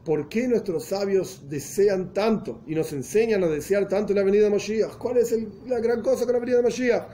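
A man's voice: sits high, normal speed, hardly any pauses, warm tone, slight background noise. A man teaching a religious text, explaining step by step and often rephrasing himself as he goes. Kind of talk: explanatory lesson in Spanish with Hebrew and Yiddish terms.

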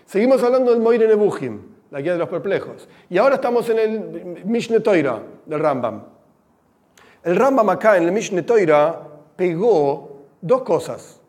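A man with a Rioplatense accent teaches a religious lesson in a high voice that moves around a great deal. He is animated, acts out examples, and mixes Hebrew terms into his Spanish explanations. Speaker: Torah teacher. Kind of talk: religious text lesson to girls.

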